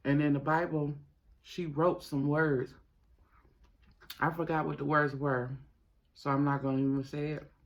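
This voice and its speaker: A man hosting a mukbang, talking casually to viewers with his mouth sometimes full, gossipy and emphatic, pausing and repeating phrases. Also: fairly high pitch, flat delivery, muffled recording. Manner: talks while eating, mouth sometimes full. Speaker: mukbang host. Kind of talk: casual chatty commentary to viewers while eating.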